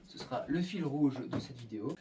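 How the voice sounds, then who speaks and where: A man's voice: mid-range voice, lively intonation, brisk, heavy background noise. A man hosting a casual unboxing video, rambling and joking, with mock-formal asides and lots of hesitations. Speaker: YouTube host unboxing Lego sets.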